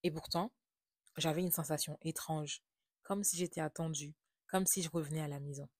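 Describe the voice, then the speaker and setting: A woman's voice: low-pitched, steady tone, normal speed, dry recording, clean studio sound. A woman from Haiti with a French accent, telling a personal travel story in a confiding, reflective way. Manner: confiding, reflective, softly spoken. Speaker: vlogger.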